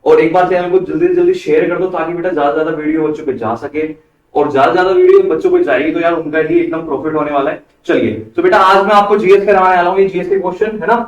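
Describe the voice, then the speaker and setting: A man's voice: sits high, animated, fast talker. A male teacher opening an online class, calling students "beta" and urging them to share and subscribe. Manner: calls students "beta", urges sharing and subscribing. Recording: dull, echoey, far from mic.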